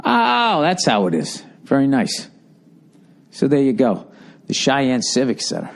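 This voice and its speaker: A man's voice: medium pitch, huge pitch swings, a little slow, gravelly. A middle-aged man rambling casually as a podcasting comedian, profane and sarcastic, and he jumps into mocking voices. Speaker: comedian hosting a podcast, answering listener letters.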